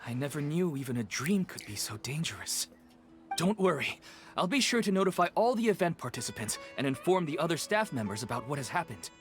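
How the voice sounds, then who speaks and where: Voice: mid-range voice, very animated, brisk, lightly acted. A game figure of an adult event organizer, helpful and orderly. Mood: calm. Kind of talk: video game voice acting. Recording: loud game music underneath.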